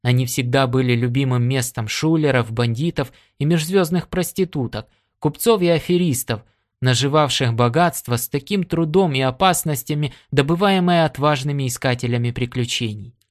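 A man's voice: medium pitch, normal speed. Man narrating an adventure audiobook. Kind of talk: scripted narration.

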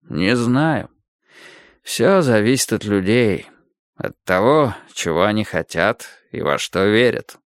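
A kind old grandfather, slow and thoughtful, his low voice rising and falling widely as he muses, as a reader puts him on. The recording is dry and close, with no room around it. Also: animated, clear, resonant tone, no room sound. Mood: reflective. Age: older. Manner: slow, gentle, reflective.

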